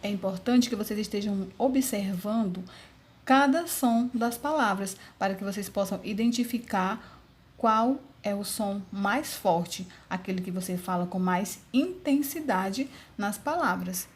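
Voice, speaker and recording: A woman teacher with a Brazilian Portuguese accent gives a video lesson to children, speaking slowly and spelling out syllables one by one. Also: mid-range voice. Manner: slow, deliberate, spells out syllables; religious blessing, addresses class warmly as "turminha".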